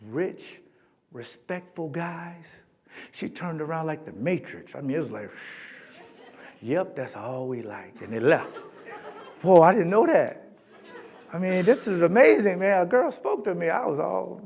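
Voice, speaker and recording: A man telling stories from a stage with a fairly high voice. He acts out the people in his tales and laughs often as he talks. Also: gravelly. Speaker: motivational speaker. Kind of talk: storytelling keynote. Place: event stage.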